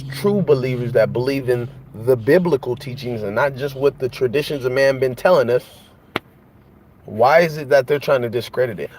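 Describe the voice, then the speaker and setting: A man's voice: mid-range voice, a little hiss or hum. A man preaching in an impassioned monologue, piling up rhetorical questions and repetition. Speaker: host.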